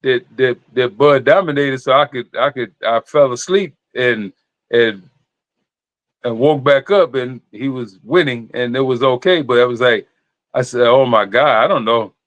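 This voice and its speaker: A man co-hosting a sports podcast in casual chat, halting and often repeating his words as he goes. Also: medium pitch, no room sound, highs cut off. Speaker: sports podcast co-host and former player.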